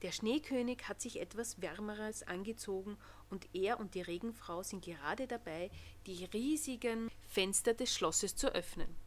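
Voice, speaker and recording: A woman narrating a children's Christmas storybook in an expressive, gentle manner. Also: medium pitch. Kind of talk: storybook reading.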